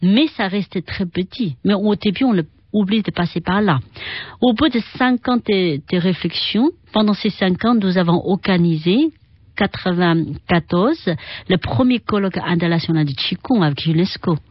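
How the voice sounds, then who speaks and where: A middle-aged woman speaks French with a Chinese accent, in a fairly low voice. She talks haltingly and leans on fillers while she hunts for words. The sound is dry and a bit muffled. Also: slightly rough, dry recording. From China. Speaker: guest, Qigong and Tai Chi teacher. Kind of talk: radio interview.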